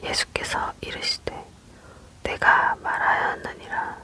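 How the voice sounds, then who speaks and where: Someone whispering a bible reading asmr style, right up on the mic, slow and hissy bright, no voice at all. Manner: whispering close to the mic, fully unvoiced. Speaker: reader of scripture. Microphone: close microphone.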